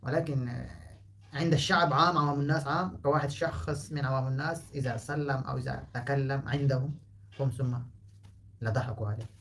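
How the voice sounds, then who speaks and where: A man's voice: medium pitch, fairly even intonation, fast, gravelly, fairly bright tone, slight background noise. Man teaching, Pashto native. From Afghanistan. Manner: explains patiently, repeats words to show pronunciation. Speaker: language teacher. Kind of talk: casual spoken lesson.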